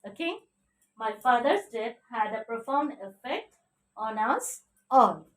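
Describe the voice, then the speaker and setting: A woman's voice: fairly high pitch, sing-song, slow. A woman teaching an English vocabulary lesson, spelling out words letter by letter and often checking in with "okay?". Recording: echoey room, voice a bit far from the mic.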